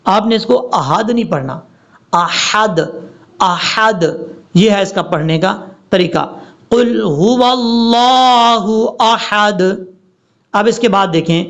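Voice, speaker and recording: A man teaching a recitation lesson step by step, stretching out each word slowly to show the correct pronunciation. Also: sits high. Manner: slow drawn-out demonstration of each word. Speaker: religious teacher.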